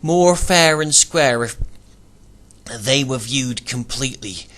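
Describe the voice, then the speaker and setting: A man's voice: medium pitch, lively intonation, takes it slowly, a bit bright. A man voicing a shy young shepherd in a rhyming storybook, hesitant and trembling, stumbling over his words. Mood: sheepish.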